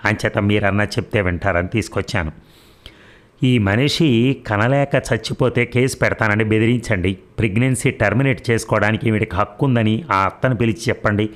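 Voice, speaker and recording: A short-tempered older doctor barks out blunt, crude remarks and scolds as he talks, as a man reading a story puts him on. His voice sits fairly low, loud and impatient, a storybook figure with a rough tongue. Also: fairly quick, natural voice.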